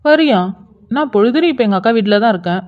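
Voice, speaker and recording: A woman's voice: fairly high pitch, animated, fast, voice pushed down, close to an everyday voice. A woman voicing a playful young male college senior who teases. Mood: teasing. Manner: playful, teasing. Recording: dull lo-fi sound.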